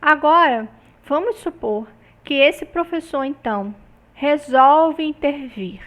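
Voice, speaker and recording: Brazilian woman lecturing, fairly high voice. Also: takes it slowly, a bit bright. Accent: Brazilian Portuguese. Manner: explanatory, many tag questions. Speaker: university lecturer. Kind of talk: recorded video lecture.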